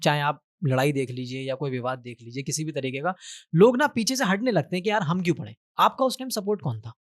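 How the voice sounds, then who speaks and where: A podcast host asks polite, somewhat meandering questions, often murmuring agreement while the guest talks. The pitch moves around a lot, in a middle register. The recording is dry and close. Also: expressive, fast talker, dry recording. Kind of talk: podcast interview.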